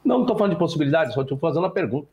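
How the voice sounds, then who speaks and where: A man's voice: a little high, very fast, slight background noise. A Brazilian man hosts a live stream lecture, his voice rising and falling a great deal as he explains. He talks to his viewers and guests in a teacherly way, tagging points with short checks. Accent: Brazilian Portuguese. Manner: lively, lecturing, frequent "tá?" tags.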